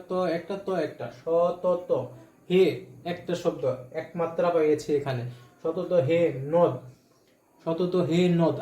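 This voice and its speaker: A man with a high, mellow voice teaches poetic meter, explaining each step and slowing down to count syllables aloud. The room around him is echoey. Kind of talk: exam-prep lesson on poetic meter.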